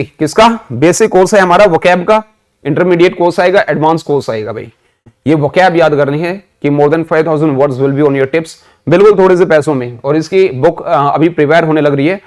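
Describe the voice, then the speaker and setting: A man's voice: a little high, darkish tone. A man with an Indian accent teaching English vocabulary through memory tricks, mixing Hindi and English and answering his own questions. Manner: mixes Hindi with English phrases. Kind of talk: online vocabulary lesson with mnemonics.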